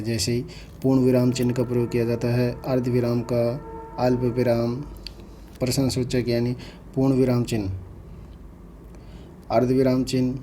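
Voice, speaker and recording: A man leads an online exam-prep grammar class. His voice is mellow and dark, and his pitch stays flat and level. He repeats himself often and asks rhetorical questions that he answers himself. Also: a little hiss or hum. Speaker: Hindi grammar teacher.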